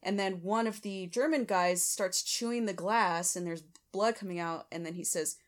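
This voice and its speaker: A woman's voice: medium pitch, normal speed. A woman co-hosting a podcast, casually reviewing a comedy film and thoughtfully explaining her favorite and least favorite lines. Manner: thoughtful, explains her picks, light laughter. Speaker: podcast co-host.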